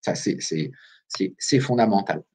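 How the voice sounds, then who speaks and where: Husky, lively French man presenting a webinar. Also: low voice, unhurried. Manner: animated, addresses listeners directly with questions. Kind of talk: lively business webinar talk.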